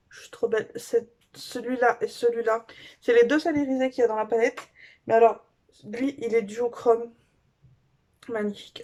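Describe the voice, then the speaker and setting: Gushing over a makeup haul, a woman beauty vlogger reviews her products in a casual chat, sprinkling little fillers into the pauses. Her voice sits on the high side.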